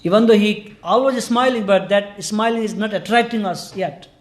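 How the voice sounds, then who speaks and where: A man's voice: high voice, normal speed. A man from Nepal, giving an earnest, informal scripture class in a temple hall. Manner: earnest, informal, broken English grammar.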